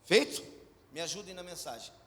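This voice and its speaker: A middle-aged man with a Brazilian Portuguese accent, a pastor preaching a sermon in animated storytelling style, swinging from hushed to loud and leading the congregation in call-and-response. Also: high-pitched, brisk, very noisy. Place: church hall. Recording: long church hall reverb.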